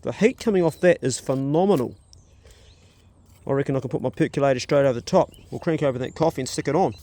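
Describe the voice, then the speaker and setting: A man's voice: medium pitch, quick pace, mellow. A laid-back man with a broad New Zealand accent, chatting casually in slangy speech while he does a task as an outdoor vlogger. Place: outdoors, rural. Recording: outdoors with clear background nature noise.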